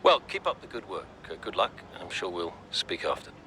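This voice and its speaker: A curt, dismissive team owner. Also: male voice, low-pitched, very animated, fairly quick, sharp tone, slight background noise, heavily acted. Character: smug older male team owner on call.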